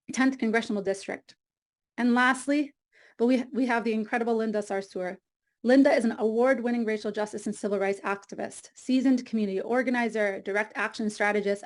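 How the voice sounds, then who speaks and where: A woman with a slightly raised pitch reads polished introductions as moderator of an online panel. She speaks in a formal, scripted way, and her voice comes through a computer mic on a video call. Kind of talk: read introductions.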